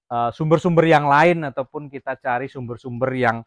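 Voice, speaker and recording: A man's voice: mid-range voice, moderate pace, no room sound. A man from Jambi, Indonesia, running a casual farm vlog about raising quail, rambling with many fillers and restarts. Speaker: quail farmer vlogger. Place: quail farm, near the cages.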